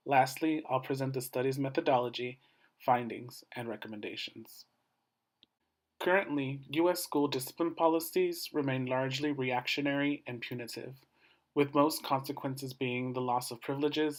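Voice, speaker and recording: Man giving a formal academic presentation. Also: medium pitch. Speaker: doctoral student presenting a dissertation defense.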